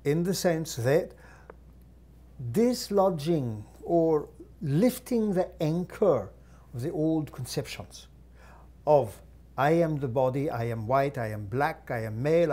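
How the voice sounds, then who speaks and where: In a formal, unhurried teaching voice, a man channels a guide entity, giving slow, deliberate channeled teaching. His pitch sits slightly high, his tone mellow and dark, and he breaks his phrases with long pauses and quiet hums.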